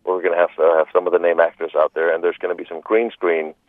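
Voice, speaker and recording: A man's voice: sits low, little pitch movement, fast, dry recording, phone-quality sound. A man interviewed on radio about his film, joking and rambling, with many restarts. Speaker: film director being interviewed.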